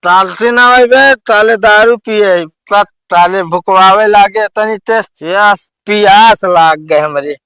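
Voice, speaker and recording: A man's voice: high voice, slow, few pauses, sharp tone, clean tone, dry recording, heavily acted. A man with an Awadhi accent playing a boastful, quarrelsome village drunk in a comedy sketch, slurring and rambling. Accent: Awadhi, eastern Uttar Pradesh.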